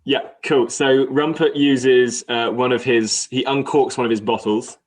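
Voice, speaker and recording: A man's voice: medium pitch, steady tone, measured pace, a little hiss or hum. A man speaks as a player at a tabletop game, with a mid-range voice. He playfully describes his character's actions in casual table talk.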